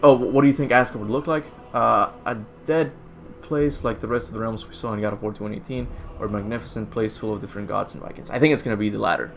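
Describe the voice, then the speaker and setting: Fast and gravelly, with a fairly low pitch and fairly even intonation, a young man from Cuba answers viewer questions as a gaming channel host in a casual livestream Q&A. He rambles, pokes fun at himself and laughs at his slips. Faint music plays behind, plus a little hiss or hum.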